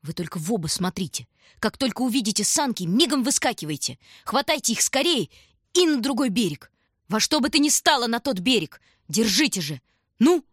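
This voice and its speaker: A woman's voice: on the low side, lively intonation, brisk, husky, dry recording, clean studio sound. A woman voicing a kind, self-sacrificing young man in a greatcoat, giving urgent instructions to children.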